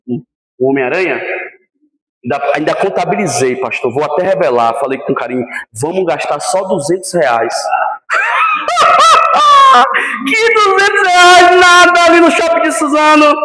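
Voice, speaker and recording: A man preaching a sermon as a pastor, swinging from shouted high peaks down to quiet, low storytelling. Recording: echoey church hall.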